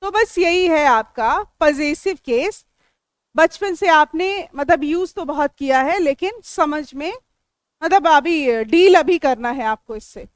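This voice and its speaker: A woman with an Indian accent gives a classroom lecture on English grammar, explaining step by step and quizzing her students while chatting and joking with them. Her voice is high-pitched and expressive, and she takes it slowly on a dry recording.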